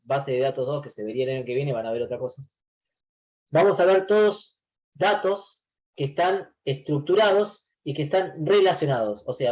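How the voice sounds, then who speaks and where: A man's voice: medium pitch, dark tone, lo-fi sound. A man teaching a university class over a video call. He explains patiently, restarting phrases and often saying "eh". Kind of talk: online class lecture.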